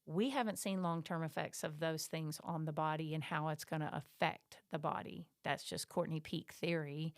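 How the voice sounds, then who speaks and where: Middle-aged woman podcast co-host, emphatic and chatty, smooth and a touch low, close dry mic. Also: fairly even intonation, normal speed, hardly any pauses, dry recording. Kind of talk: casual podcast chat.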